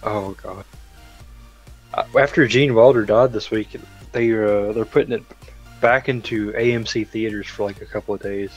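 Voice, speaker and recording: Low-voiced man chatting on a stream. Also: fairly even intonation, normal speed, highs cut off, faint music behind. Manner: laughs often, rambling with fillers. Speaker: stream guest. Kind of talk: casual chat.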